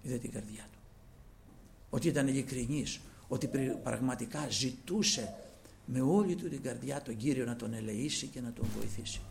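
A man preaching a sermon with passion, calling his listeners brothers, moving from loud emphasis to near whispers. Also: medium pitch, vocal fry, a little hiss or hum.

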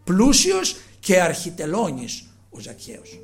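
A male preacher delivers an emphatic sermon, shifting between loud stretches and hushed ones and posing rhetorical questions to the congregation. His gravelly voice sits high with huge pitch swings, and faint music plays behind him.

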